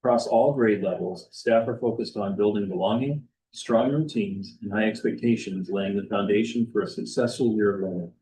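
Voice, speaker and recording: A man giving a school board report, reading principals' feedback aloud in a steady manner. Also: fairly low pitch, normal speed, few pauses, poor audio. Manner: steady, reads quotes aloud.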